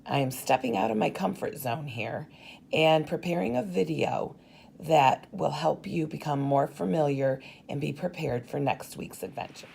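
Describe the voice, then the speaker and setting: A middle-aged woman teacher giving a slow, careful briefing to parent volunteers, pausing often as she explains. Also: sits low, expressive, creaky, darkish tone, a little hiss or hum. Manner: slow, careful and instructive, with frequent pauses.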